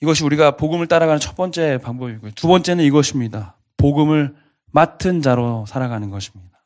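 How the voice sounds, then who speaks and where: A man's voice: a little high, quick pace, a little mellow. A man pastor preaching a sermon to a college congregation, earnestly asking them repeated questions.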